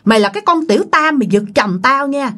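A woman's voice: high voice, animated, quick pace, bright, forceful tone, voice pushed up. A woman voicing a vengeful, jealous old woman ghost possessing a man, taunting and menacing. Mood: scornful.

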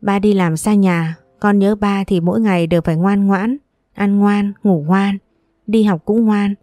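A woman reading a gentle, patient young mother. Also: medium pitch, steady tone, a little slow, no echo, close to an everyday voice. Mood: tender. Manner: soft, patient and tender. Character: gentle young mother talking to her son. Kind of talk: audiobook character dialogue.

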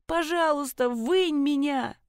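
A frightened young woman pleads in a high, tearful, childlike voice, as a woman reader puts her on. The voice sits well above the reader's own and sounds close and dry, with no room around it. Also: moderate pace, darkish tone, no room sound, natural voice. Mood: pleading. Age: young adult. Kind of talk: audiobook character reading.

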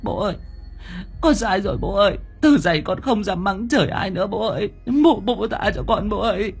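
A man putting on a terrified middle-aged village woman, crying as she begs. Her voice is pushed up high and shrill, with a gravelly crackle. She pleads without a pause. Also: soft background music. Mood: sobbing pleading.

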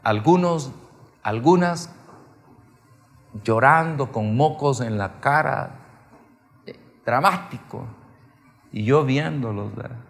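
Gravelly preacher in reverb. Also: male voice, medium pitch. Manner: emphatic storytelling, swinging from soft to loud. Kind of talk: sermon.

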